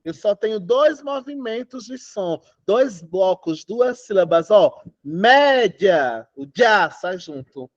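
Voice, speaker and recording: A man's voice: high-pitched, lively intonation, takes it slowly, few pauses, dry recording, highs cut off. A man teaching a Portuguese class online, chatty, quizzing students and singing out syllables. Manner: chatty, asks students questions, sings out syllables.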